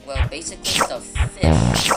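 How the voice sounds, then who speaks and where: A woman casually narrating a video game playthrough, her voice a little rough from having just woken up. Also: very deep voice, huge pitch swings. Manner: casual, unhurried chatter to viewers. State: voice a bit rough from just waking. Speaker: gaming channel host. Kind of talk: let's play commentary. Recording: loud game music underneath. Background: video game music.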